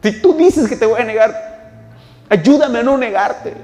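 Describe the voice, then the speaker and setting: A man preaching, acting out the impulsive disciple Peter in a loud, urgent, raised voice. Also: very high-pitched, lively intonation, a little slow, in a large hall, soft background music, voice pushed up. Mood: pleading. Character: impulsive fisherman disciple Peter, grown man, boastful then pleading.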